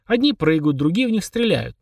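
Man reading a story, higher voice. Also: sing-song, a little fast, vocal fry, darkish tone, no room sound, clean studio sound, recorded from a distance. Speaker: audiobook reader. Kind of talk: scripted narration.

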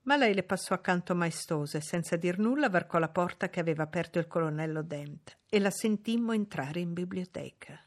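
A woman reading a novel aloud as an audiobook narrator, in a measured, expressive way. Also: fairly low pitch.

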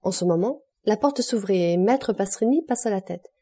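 A woman narrating a classic novel as an audiobook reader, with clear, even delivery. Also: medium pitch, normal speed.

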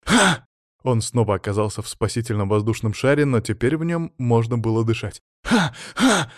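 A male audiobook narrator with a mid-pitched voice and a steady, even storytelling manner. The sound is dry and close, with no room around it. He reads in a plain, measured way. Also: no echo. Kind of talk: scripted narration.

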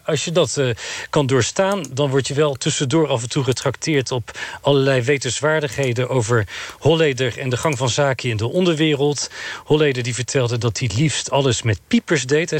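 A man reports live from a trial for a radio news program. His voice sits at an ordinary mid pitch and sounds close and dry, with no room around it. He talks in a measured way, pausing often with small hesitations as he retells what was said in court. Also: dry recording. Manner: measured, retelling quotes with frequent filler hesitations.

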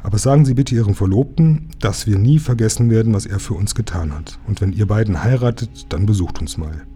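A man's voice: fairly low pitch, brisk, warm tone, soft background music, natural voice. A man reading aloud, voicing a sturdy, good-natured engine driver who grumbles his words in an easygoing way. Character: sturdy adult engine driver, gruff and warm-hearted.

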